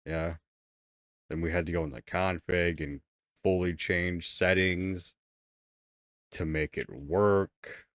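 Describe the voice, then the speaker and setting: Man, very low voice, dry close sound, casual podcast chatter, swears a lot. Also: steady tone, takes it slowly, pauses often, a bit bright, no echo. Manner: loose, profane and rambling. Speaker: podcast co-host. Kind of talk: casual chat.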